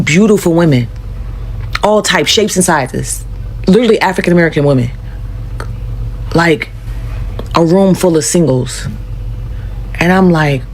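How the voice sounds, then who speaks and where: A woman's voice: fairly low pitch, vocal fry, darkish tone, a little hiss or hum, poor audio. A woman talking casually to camera in a rambling, chatty way, correcting herself as she goes. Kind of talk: casual vlog talk.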